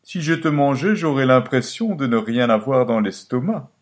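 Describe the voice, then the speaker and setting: A man's voice: mid-range voice, moderate pace, voice pushed up, lightly acted. A man voicing a sly male fox in a storybook reading, with a raised, put-on voice.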